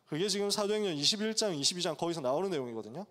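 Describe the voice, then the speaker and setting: A male pastor preaching to college students, telling the story in a lively way and acting out its characters' voices. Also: high-pitched, very fast. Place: church sanctuary. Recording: long church hall reverb.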